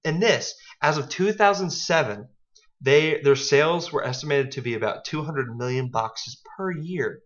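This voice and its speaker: A man's voice: on the high side, moderate pace, fairly bright tone. Casual young guy rambling and joking on a podcast, kinda muffled lo-fi audio. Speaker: podcast co-host. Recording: dull lo-fi home recording.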